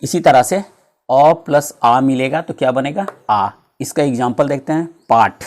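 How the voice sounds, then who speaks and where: A man's voice: mid-range voice, moderate pace, darkish tone, a little hiss or hum. A male teacher, explaining a grammar lesson step by step and asking his students rhetorical questions.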